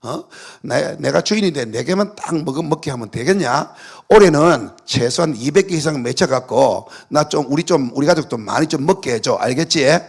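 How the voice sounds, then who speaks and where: A man preaching at a revival meeting, telling lively stories, shouting decrees and mimicking prayers for laughs. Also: on the high side, moderate pace, vocal fry, breathy edge. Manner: animated storytelling, shouted decrees and playful mimicry. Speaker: pastor. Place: church hall.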